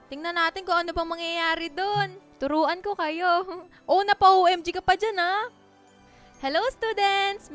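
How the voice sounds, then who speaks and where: A woman's voice: extremely high pitch, sharp tone. A Filipina woman with a Filipino accent, chatting playfully and teasing while roleplaying in a game, laughing often. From Philippines. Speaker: Roblox roleplay creator.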